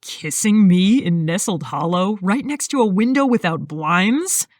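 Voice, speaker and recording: A woman's voice: medium pitch, expressive, unhurried, darkish tone, no echo, studio quality, lightly acted. A woman voicing an affectionate young male chef who teases his love. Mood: teasing.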